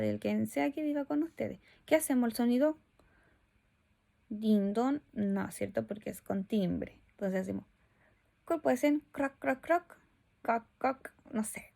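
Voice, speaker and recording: A woman teacher talks through a video lesson for young pupils. Her voice sits a touch high with a rough, creaky grain. She stays friendly and keeps checking that the children are following. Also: warm tone. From Chile.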